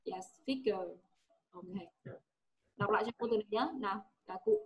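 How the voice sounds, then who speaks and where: A woman's voice: mid-range voice, moderate pace. A woman English teacher with a Vietnamese accent, coaching a pupil one-on-one and patiently repeating words for her to echo.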